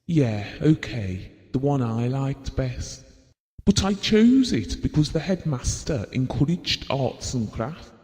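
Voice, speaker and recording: An actor in an audio drama voices an earnest, devoted, guilt-prone middle-aged British husband and father who reminisces in a confessional way. His medium-pitched voice is slow and mellow with big swings in pitch, and the room sounds reverberant, like a hall.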